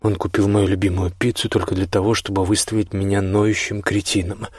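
A man reading a first-person novel aloud, sardonic and low-key. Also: level tone, fairly quick, darkish tone, breathy edge, no room sound, clean studio sound. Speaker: audiobook narrator. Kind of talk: first-person scripted narration.

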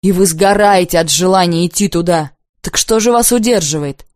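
A woman's voice: fairly low pitch, a little mellow, no room sound, studio quality, lightly acted. A woman reading a fierce, bitter spinster. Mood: furious. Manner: intense, accusing, slow and heavy at times. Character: proud, bitter unmarried woman, fierce and stern. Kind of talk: audiobook dialogue reading.

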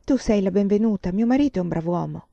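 A woman reading the part of a kind, protective village wife, speaking gently and courteously. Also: mid-range voice, lively intonation, fast talker, creaky, no echo, dull audio. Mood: reassuring.

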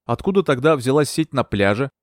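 A man's voice: medium pitch, lively intonation, dry recording, studio quality, lightly acted. Man voicing a cheeky young female bodyguard. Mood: brisk. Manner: brisk, stubborn, sharp-tongued.

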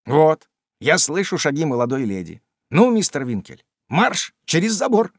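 A man voicing a brisk, blunt, loyal manservant who talks loudly and urgently. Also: a little high, sing-song, no echo, clean studio sound, voice pushed up.

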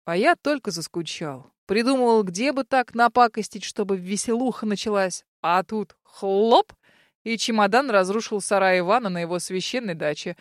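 A woman's voice: mid-range voice, normal speed, no echo, studio quality, natural voice. A woman voicing a sarcastic, mischief-loving horned man in a storybook, drawling and mocking.

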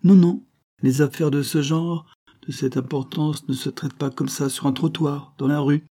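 A man's voice: a little high, fairly even intonation, moderate pace, mellow, voice pushed up. A man voicing a sly, theatrical fairground showman who blackmails a count, speaking with grand emphasis. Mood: mocking, theatrical.

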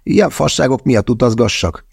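A man's voice: medium pitch, lively intonation, creaky, slightly rough, dry recording, clean studio sound, pitched above the performer's own voice. A man voicing a crude, mocking young male skeptic in an audiobook. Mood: scornful. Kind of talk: audiobook character voice.

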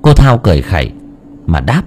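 A man narrating an audiobook with steady storytelling. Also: low voice, fairly quick, a little hiss or hum.

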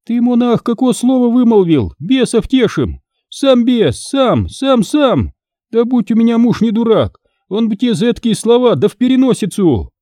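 A man voicing a shrill, furious peasant wife who screeches and scolds. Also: big pitch swings, unhurried, dark tone, no room sound, studio quality, heavily acted. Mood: furious scolding. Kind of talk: audiobook character reading.

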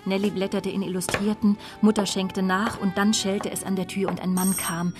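An actress in a radio drama plays a disillusioned twenty-nine-year-old, the daughter of a prostitute, soberly and coolly confessing her life story. Her mid-range voice is level and moderately paced, close to everyday speech, with a bitter, reflective mood and music behind her.

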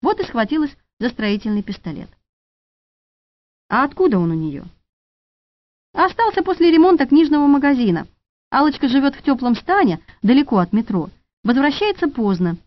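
A woman narrating an audiobook in a lively, expressive reading, in a dull, dry studio recording. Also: a little high, no room sound.

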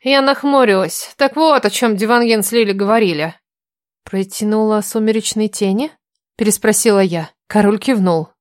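A woman reading a first-person story aloud in steady scripted narration. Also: medium pitch, brisk, few pauses, no echo, clean studio sound. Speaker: audiobook narrator.

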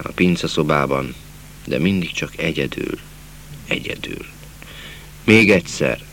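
A man reading a literary novel aloud as an audiobook narrator, slow and measured, dropping to a hush at sad passages. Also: very deep voice, a little hiss or hum.

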